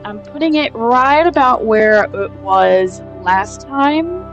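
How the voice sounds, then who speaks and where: A woman's voice: fairly high pitch, lively intonation, slow pace, muffled recording, faint music behind. A woman hosting a casual gaming live stream, hesitant and rambling, often trailing off mid-thought. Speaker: game streamer, host.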